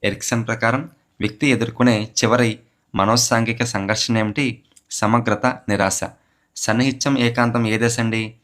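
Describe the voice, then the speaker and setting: A man with a mid-range, fairly bright voice teaches psychology for a teacher exam, keeping a steady tone and moderate pace. The talk is an exam question walkthrough lecture in which he asks, then answers his own questions and repeats key terms to drive them home.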